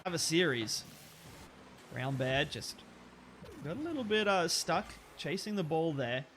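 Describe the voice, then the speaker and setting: A man casting an online car-soccer match with excitable play-by-play commentary, breaking into laughter and jumping up on near misses. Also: a little high, unhurried, slight background noise. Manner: excitable, laughs at plays, rises sharply on chances. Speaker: esports caster.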